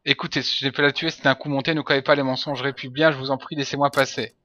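A panicked fugitive, put on by a man, begging to be let through at a border, his words tumbling out fast. The voice is bright and edgy, and the recording is slightly dull. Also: medium pitch, little pitch movement, dry recording, close to an everyday voice. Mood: pleading. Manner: hurried, pleading. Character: nervous male fugitive pleading at a border.

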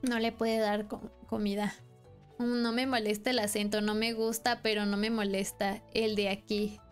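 With a flat delivery at normal speed, a mid-range female voice rambles through casual live-stream chat while she plays a game. She is young, has a Mexican accent, and laughs often; faint music sits behind her.

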